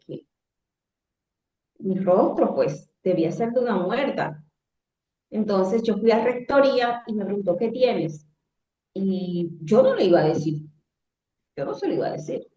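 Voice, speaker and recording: A woman with a Caribbean Spanish accent tells a personal story conversationally, in halting phrases with some repetition. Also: medium pitch, expressive, dark tone. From Caribbean coast of Latin America. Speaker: guest telling a personal testimony. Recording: roomy echo, slightly dull sound.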